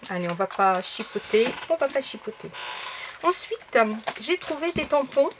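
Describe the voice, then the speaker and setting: A woman's voice: high voice, big pitch swings, normal speed, background noise. Chatty woman showing craft stickers. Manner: chatty, many fillers and little asides to viewers. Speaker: craft vlogger. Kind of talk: casual haul video.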